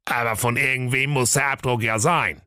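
A man voicing a sly, defensive big bad wolf in a gravelly, dismissive way. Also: medium pitch, steady tone, moderate pace, bright, forceful tone, no echo, clean studio sound, voice pushed up, natural voice. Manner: gravelly, dismissive, casual colloquial.

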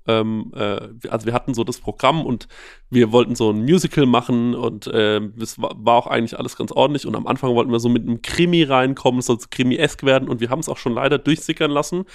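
A man's voice: mid-range voice, a little fast, no echo. Chatty man telling stories, dry sound. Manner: animated storyteller, many fillers. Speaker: podcast host, guest here. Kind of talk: casual interview chat.

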